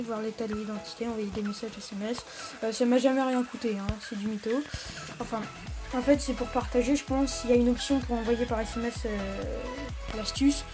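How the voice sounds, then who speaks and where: A high-pitched woman hosts a casual phone app tutorial, guiding viewers one step at a time. Her delivery is halting and full of small self-corrections. Clear background music runs beneath her voice. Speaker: tech tutorial host.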